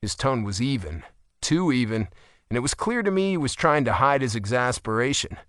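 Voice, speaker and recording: A man reading a first-person romance audiobook with expressive, wry delivery. His pitch moves freely and lively through the lines. The studio sound is dry and close. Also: normal speed, dry recording. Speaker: audiobook narrator.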